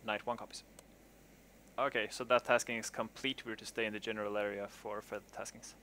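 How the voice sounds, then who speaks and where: A man's voice: fairly low pitch, flat delivery, fairly quick, bright, forceful tone, slight background noise. A man talking as aircrew in a military game, mixing clipped radio procedure with casual chat. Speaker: military sim gunner on aircraft crew.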